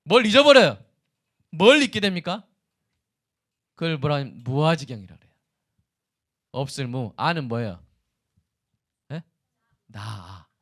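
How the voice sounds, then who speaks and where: A male pastor preaching a sermon in an animated way, often asking the congregation questions. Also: fairly high pitch, a little slow, long pauses.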